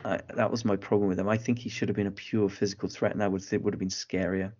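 A man's voice: lowish voice, little pitch movement, fast talker, a little mellow. A man co-hosting a podcast, chatting casually and opinionatedly about films. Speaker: podcast co-host. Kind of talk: casual film chat. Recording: slightly dull lo-fi podcast audio.

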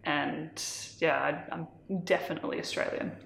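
A woman's voice: deep voice, fairly even intonation, moderate pace, gravelly, fairly bright tone, echoey room. A woman in her twenties, born in Malawi, chatting as an interview guest in a casual, self-deprecating way. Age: 20s.

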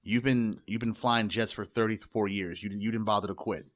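A man chatting casually about movies as a podcast co-host, talking in quick bursts with restarts. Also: fairly low pitch, steady tone.

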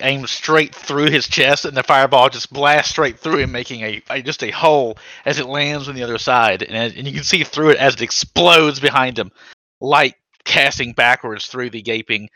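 A man's voice: mid-range voice, pushed and bright, no room sound, poor audio. A man chatting casually as a player in a tabletop game.

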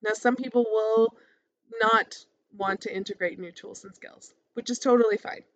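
Calm therapist-voiced woman, slightly dull recording. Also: fairly high pitch, normal speed, no echo. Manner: casual, conversational, encouraging. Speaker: therapist hosting a podcast. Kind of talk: informal motivational monologue.

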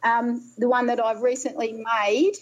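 A woman's voice: on the high side, flat delivery, normal speed, highs cut off. A middle-aged woman guest chatting casually on a podcast, rambling with many fillers and restarts. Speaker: guest musician.

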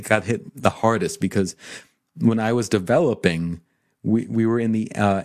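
Sarcastic low-voiced male streamer. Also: a little mellow, dry recording, studio quality. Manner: sarcastic, scornful, many restarts. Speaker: live-stream host. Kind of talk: rambling live-stream commentary.

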